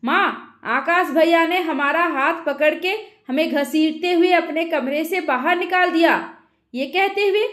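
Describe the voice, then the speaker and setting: A woman's voice: very high-pitched, measured pace, a bit bright. A woman voicing a young married daughter who tearfully accuses her brother, in a roomy echo. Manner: crying, accusing.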